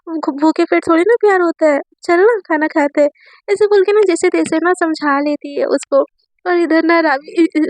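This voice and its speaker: A woman's voice: sits high, creaky, darkish tone, no room sound. A woman telling a love story in a chatty, casual way, with plenty of fillers and restarts.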